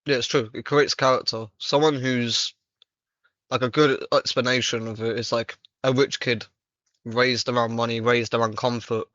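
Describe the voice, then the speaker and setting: A man's voice: mid-range voice, level tone, normal speed, a bit bright, dry recording. A young man hosting a casual chat, talking earnestly and reflectively with casual slang. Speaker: podcast host. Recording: dull, dry lo-fi mic.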